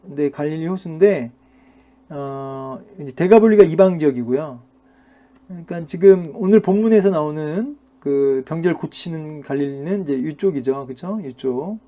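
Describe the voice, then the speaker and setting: A man's voice: a little high, moderate pace, dark tone. A middle-aged male pastor giving a Bible lecture in a conversational manner, full of fillers and rhetorical questions to his listeners. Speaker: pastor teaching a Bible class. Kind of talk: sermon-style Bible lecture.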